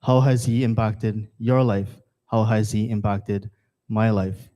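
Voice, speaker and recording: A man's voice: on the low side, level tone, takes it slowly, dark tone, dull audio. A man from Guyana, chairing a temple service in an earnest, rhetorical formal address that repeats phrases for emphasis. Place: temple hall.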